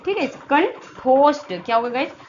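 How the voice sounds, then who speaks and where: High-voiced woman teaching Hindi grammar. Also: lively intonation, dull audio, a little hiss or hum. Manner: repetitive call-and-response questioning; drawn-out demonstration of vowel sounds. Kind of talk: exam-prep grammar lesson.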